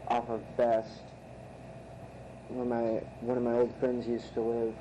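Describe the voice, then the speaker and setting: A man's voice: medium pitch, monotone, unhurried. A man around thirty telling a personal story in a hesitant, reflective way. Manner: hesitant, many fillers and restarts, reflective. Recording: muffled tape recording with noticeable hiss.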